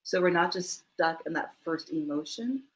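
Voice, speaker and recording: Over a rough-sounding video call, a middle-aged woman who teaches mindfulness responds to interview questions at a normal speed. Her lowish, expressive voice breaks into warm laughter at times, and she performs quoted voices as she tells stories.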